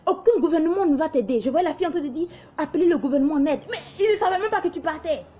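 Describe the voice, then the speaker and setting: A woman's voice: very high voice, expressive, very fast, warm tone, dull audio. A young woman from Ivory Coast with a light Ivorian accent, delivering an impassioned, lecturing monologue to camera. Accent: light Ivorian French. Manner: lecturing, exhorting, mimics others in quoted asides. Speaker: online commentator.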